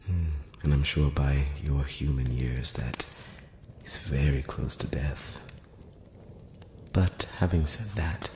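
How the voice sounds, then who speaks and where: A male voice with an extremely deep, soft tone that keeps sinking to a whisper portrays an ancient elf emissary in a fantasy roleplay, courtly and slyly superior. Measured, hushed and slow, he speaks with formal courtesy in a gently condescending mood. Though the mic is close, a long, echoing hall reverb surrounds him, plus a faint hiss or hum.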